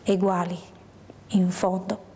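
A woman reading a first-person literary story aloud in a measured, hushed way, sometimes sinking into a whisper. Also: on the low side, flat delivery. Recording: long hall reverb.

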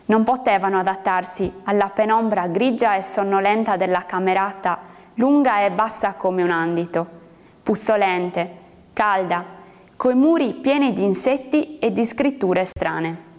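A woman's voice: mid-range voice, a little slow, darkish tone. Woman reading a story in a reverberant room. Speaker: narrator. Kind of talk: audiobook reading of literary fiction. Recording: long hall reverb.

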